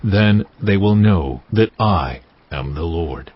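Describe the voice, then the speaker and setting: An actor playing a solemn, commanding God who pronounces judgment gravely and deliberately in a dramatized audio Bible. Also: male voice, sits low, animated, full character voice. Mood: stern, foreboding. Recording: muffled sound with music behind. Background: cinematic music.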